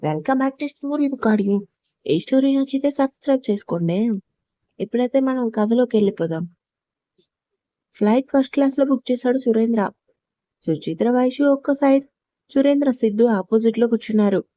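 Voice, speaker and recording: A woman's voice: on the high side, lively intonation, normal speed, long pauses, warm tone, dry recording, highs cut off. A woman narrating a romance audio story, reading expressively and slipping into voices for each character.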